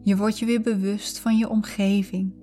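A woman narrating a guided visualization in a calm, soothing, unhurried way. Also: medium pitch. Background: background music.

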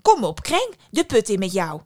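A woman's voice: medium pitch, big pitch swings, normal speed. A woman voicing a greedy, scheming mother in a storybook tale, bossy and impatient.

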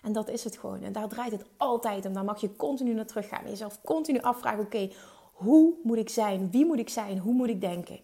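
A woman's voice: mid-range voice, fast, mellow. A woman coaching entrepreneurs in an emphatic motivational monologue, dropping English phrases into her talk. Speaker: business coach.

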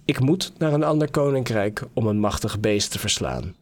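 A man's voice: fairly low pitch, expressive, moderate pace, natural voice. A man voicing a restless, adventure-loving knight in a storybook tale.

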